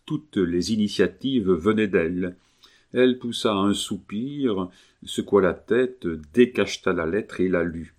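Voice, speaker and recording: Very deep-voiced man narrating a novel. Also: unhurried, darkish tone.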